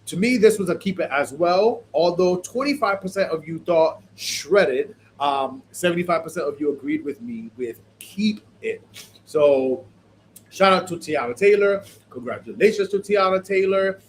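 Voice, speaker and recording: On a low-quality recording with a little hiss or hum, a podcast host chats casually about fashion looks in a high-sitting voice at normal speed. He sounds stuffy and sniffly from allergies, and his talk is chatty and animated, full of fillers.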